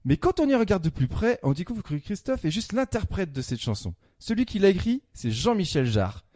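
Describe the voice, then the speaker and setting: A man's voice: sits high, very animated, brisk, mellow, no echo, studio quality. A man presenting a scripted comic music column as a mock-detective story, with punchy asides.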